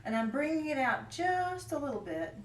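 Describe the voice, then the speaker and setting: A woman with a Southern US country accent who gives a calm, chatty, step-by-step painting lesson as an instructor. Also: high-pitched, moderate pace, far from the mic, slight background noise. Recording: roomy sound, mic set back.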